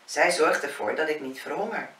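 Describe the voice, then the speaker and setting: A woman reading the lines of a wry, gently teasing man in a spoken novel. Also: deep voice, expressive, a little fast. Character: male villa owner, wry and gently teasing. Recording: roomy, distant, faint hiss.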